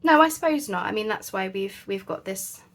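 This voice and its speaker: A woman's voice: medium pitch, animated, moderate pace. A woman chatting casually as she works on a craft project, thinking aloud with lots of fillers. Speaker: crafting channel host.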